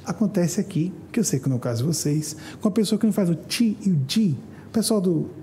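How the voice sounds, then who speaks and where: A middle-aged man from Northeast Brazil with a Northeastern Brazilian accent, lecturing to a live audience in a warm, mellow voice. He talks with lively energy, acts out other people's voices and keeps turning questions to the room. A faint hiss sits under the recording. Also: high voice, a little fast. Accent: Northeastern Brazilian Portuguese.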